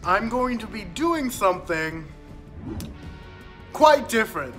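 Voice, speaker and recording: A man's voice: high-pitched, sing-song, slow pace, a bit bright, soft background music. Nervous, giggly young man vlogging. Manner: nervous, self-conscious, giggly. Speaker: YouTuber. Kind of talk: casual gaming vlog commentary.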